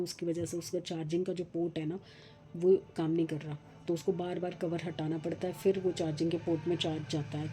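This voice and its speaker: A middle-aged woman chatting casually in a home vlog, talking slowly and with effort because of a painful tooth. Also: low voice, warm tone. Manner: chatty, rambling about household matters. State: speaking slowly from tooth pain. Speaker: vlogger. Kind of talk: casual daily vlog chat.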